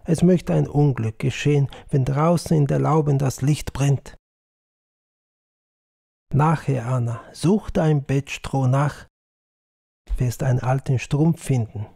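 A calm, tender old peasant on his deathbed, talking slowly and with resignation, as a man reading an audiobook plays him. The voice is gravelly and husky, with a dark tone. The recording is dry and close. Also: medium pitch, dry recording, full character voice. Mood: tender resigned. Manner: slow, gentle, resigned speech.

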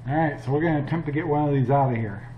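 An older man talks through a recipe at a relaxed, halting pace, often breaking into a chuckle. He is recorded in a home kitchen with a roomy echo, and the sound is slightly dull with faint noise underneath. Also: on the high side. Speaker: cooking channel host. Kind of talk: casual cooking demo.

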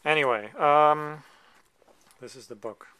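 A man sits indoors at a table, filmed from above, paging through a photo book and presenting it in casual show-and-tell fashion. He's relaxed and hesitant, with lots of ums and side remarks, speaking slowly in a slightly high voice.

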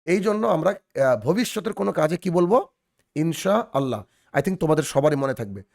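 A man's voice: on the high side, very animated, moderate pace, gravelly, a little mellow. A man teaching a children's English lesson over a video call, patiently repeating phrases and checking that the class follows.

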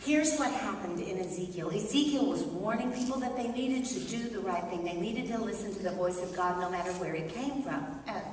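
Middle aged lady doing kids church message, gently instructive, super echoey hall, faint noise. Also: mid-range voice, lively intonation, brisk, few pauses, distant mic. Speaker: ventriloquist giving a children's church message. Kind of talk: children's sermon as chat with a puppet. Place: large church sanctuary, indoors. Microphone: distant camera.

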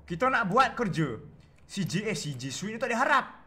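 A man's voice: high-pitched, normal speed. A young Malaysian man streaming live, commenting on his gameplay and scolding the characters on screen. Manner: excitable, scolding the game characters, laughs a lot. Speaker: livestreaming gamer.

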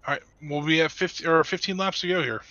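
A man working race control, calmly sorting out the running order and calling restarts. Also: fairly high pitch, fast talker, no echo. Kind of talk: casual race control chatter. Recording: dry, dull lo-fi voice chat.

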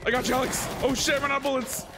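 A young man hosting his gaming channel, commentating gameplay with friends, excitable and often yelping and laughing in panic. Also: very high voice, racing, loud music behind the voice. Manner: excitable, yelps and screams in panic, laughs a lot. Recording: game gunfire loud under the voice.

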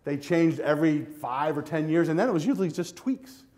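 Energetic older man giving a keynote. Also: a little high, brisk. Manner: energetic, animated, walks the stage with a handheld clicker; direct, coaching tone to students. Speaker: keynote speaker. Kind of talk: conference keynote speech. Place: hotel ballroom with a seated audience. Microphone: lapel mic.

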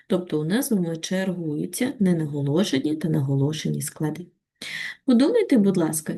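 A woman with a Ukrainian accent teaching a children's reading lesson on video, reciting a poem slowly and expressively, then patiently guiding the class. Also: on the low side. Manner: slow, expressive poetry recitation. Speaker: primary school teacher.

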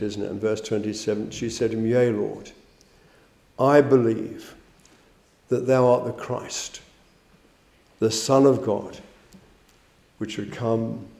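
A man preaching a sermon, reading scripture aloud and explaining it with fillers and restarts. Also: warm tone. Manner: rises in pitch and volume on quoted verses. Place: church. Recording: echoey church hall.

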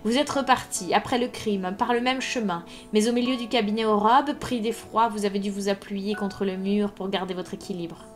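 A woman's voice: medium pitch, normal speed, few pauses, natural voice. A woman reading aloud plays a cold, relentless male ex-police inspector who speaks dryly and with hard precision, over faint music. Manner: dry, hard, precise, menacing. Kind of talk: live audiobook reading.

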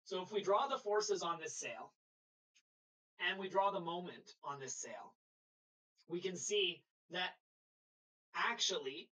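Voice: mid-range voice, measured pace, long pauses, pushed and bright, poor audio. A sailing instructor giving a live webinar lecture over a video call, explaining patiently and checking in with the class.

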